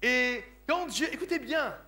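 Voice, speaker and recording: A French preacher with Sicilian parents addresses his church congregation emphatically, repeatedly asking "Comprenez-vous?". His very high voice is pushed and bright, with lively intonation and an unhurried pace.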